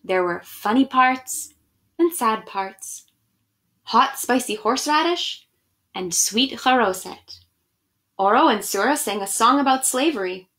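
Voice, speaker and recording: A woman with a slightly high, fairly bright voice reads picture books and chats with children online, her intonation lively and her pace measured. She is an education director hosting an expressive storytime from a small room at home.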